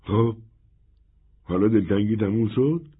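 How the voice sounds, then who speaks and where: A man voicing a gentle, melancholy wandering man in a soft, husky, resigned tone. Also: on the low side, voice pushed up. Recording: narrow phone-like band.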